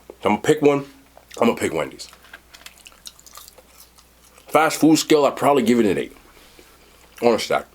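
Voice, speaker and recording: Male reviewer, casual unscripted chat, slangy, blunt, rambling, very animated intonation, mid-pitched voice. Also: slightly rough. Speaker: food and movie reviewer.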